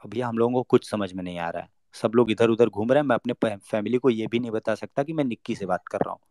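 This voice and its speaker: Talking fast with a darkish tone, a young man recounts something that happened to him, voicing the other people's lines and murmuring low when he gives his inner thoughts. The chat is casual and the recording has no echo.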